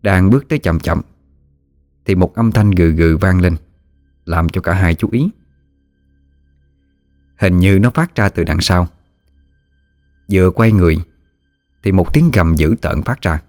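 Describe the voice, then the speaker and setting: Deep-voiced storyteller. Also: male voice, measured pace, long pauses, no room sound, studio quality. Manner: steady storytelling. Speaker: narrator. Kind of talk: ghost story narration. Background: soft music.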